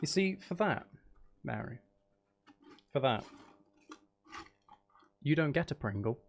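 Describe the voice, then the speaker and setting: Playing a game on stream, this male host keeps up casual chat and commentary for his viewers. His medium-pitched voice is animated but slow. He rambles, teases, and pokes fun at himself.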